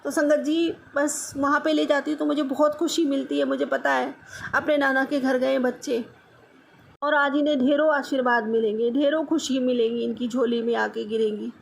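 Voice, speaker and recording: Middle-aged woman devotee giving a casual devotional testimony, high voice with a gravelly edge, keeps thanking and addressing the listeners. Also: fairly even intonation, normal speed, a little hiss or hum. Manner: repeatedly addresses the listeners as "sangat ji"; repeats words of thanks over and over. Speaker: devotee sharing a satsang experience.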